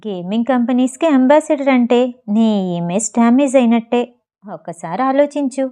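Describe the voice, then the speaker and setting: A woman's voice: on the high side, lively intonation, normal speed, mellow, close to an everyday voice. A woman reading the lines of a haughty, condescending senior actress.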